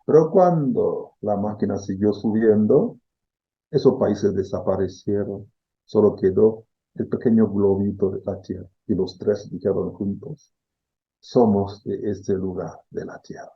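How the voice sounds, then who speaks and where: A middle-aged man from the Democratic Republic of the Congo, a philosophy professor being interviewed, talks in a lowish, somewhat slow voice with a breathy edge, and the audio sounds dull. His explanations are thoughtful and reflective. He repeats important words and keeps asking "¿sí?" to check in.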